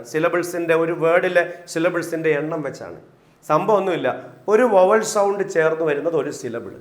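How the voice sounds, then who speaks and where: A man's voice: high-pitched, fairly bright tone, roomy sound. A man teaching an exam-prep lecture, repeating points and asking and answering his own questions.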